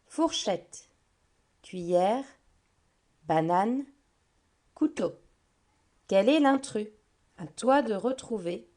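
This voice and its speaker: A woman giving a phonics lesson to a child, saying each word slowly and clearly and speaking to the listener directly. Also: mid-range voice, expressive, warm tone. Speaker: teacher.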